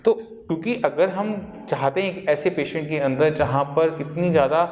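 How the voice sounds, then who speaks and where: A man's voice: a little high, normal speed, darkish tone, long reverb tail. A man, a doctor, explaining treatment earnestly to camera and interviewing a patient, with rhetorical questions. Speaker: doctor hosting a health channel.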